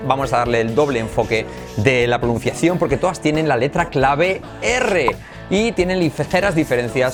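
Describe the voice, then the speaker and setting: Upbeat Spanish man teaching English. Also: mid-range voice. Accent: Spain Spanish. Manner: upbeat, mixes English and Spanish, drills words slowly. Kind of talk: language lesson on pronunciation.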